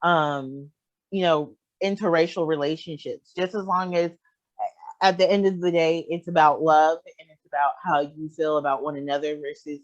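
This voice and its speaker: A young podcast host asking long, rambling questions in a relaxed way, with many fillers. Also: medium pitch, moderate pace. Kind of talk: casual podcast interview. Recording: dull lo-fi sound.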